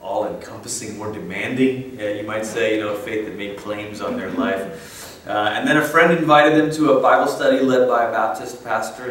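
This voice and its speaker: Heard distantly in an echoing hall with a little background noise, a lowish-voiced man talks through his personal testimony. He's a Malaysian guest speaker in his thirties, conversational and prone to fillers and restarts.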